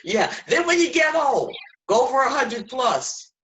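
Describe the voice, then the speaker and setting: A woman's voice: sits high, very animated, a little slow, a bit bright, low-quality recording. Woman, 60s, host, earnest and preachy, casual video call chat.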